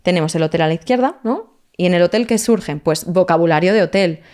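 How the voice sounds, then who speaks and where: A woman, a language teacher explaining her methods in an interview, lively and mixing in English words. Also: fairly low pitch, fast. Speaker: language teacher, guest expert.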